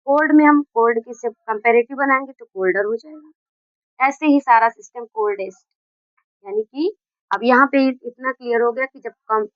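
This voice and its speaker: A woman teaching English grammar in Hindi, explaining step by step and dictating example sentences slowly word by word. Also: on the high side, no room sound. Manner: explains step by step with many restarts. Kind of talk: Hindi video lesson on grammar. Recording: dull, dry lo-fi recording.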